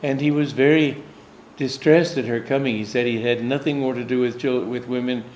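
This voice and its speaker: The speaker is an American swami, a spiritual teacher, meandering through a personal story. He talks at a normal speed in a medium-pitched, fairly even voice that's a little mellow, and there's slight background noise. The setting sounds like an echoey room with faint ambience.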